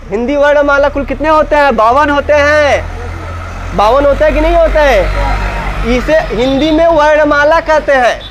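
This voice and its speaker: A man's voice: extremely high pitch, a little hiss or hum. A man from India teaching an English grammar class in Hindi, asking his students questions, answering them himself and repeating his points.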